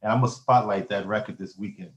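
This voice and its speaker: A man's voice: on the low side, steady tone, brisk. Enthusiastic man in an echoey room. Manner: enthusiastic, emphatic. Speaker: radio station owner, guest. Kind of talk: casual podcast chat.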